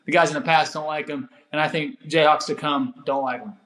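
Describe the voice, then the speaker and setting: A man in his twenties, a former college player, talking casually about sports, haltingly repeating phrases for emphasis. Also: on the high side, fairly even intonation, bright, forceful tone. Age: 20s. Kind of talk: casual sports podcast conversation. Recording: roomy, echoey sound.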